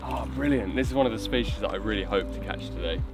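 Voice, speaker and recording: A young man giving a lakeside fishing tutorial, explaining steps in a relaxed way with fillers as he handles his gear. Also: on the low side, quick pace, loud music behind the voice. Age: young adult. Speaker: fishing instructor. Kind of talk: outdoor tutorial demonstration. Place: lakeside outdoors. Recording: faint outdoor noise.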